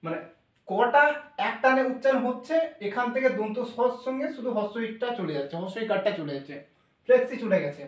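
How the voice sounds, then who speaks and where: A man's voice: very high-pitched, brisk. Man, patient classroom explaining, far from the mic, roomy echo. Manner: patient, step-by-step explaining with questions to students. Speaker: English pronunciation teacher. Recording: echoey room, voice from far off.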